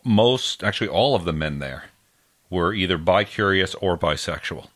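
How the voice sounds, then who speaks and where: A man with a very low, deep voice talks casually as a podcast co-host. He rambles, searches for words and trails off often, filling gaps with ums and uhs. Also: animated, moderate pace, fairly bright tone. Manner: rambling, trails off with many fillers. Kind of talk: casual chat.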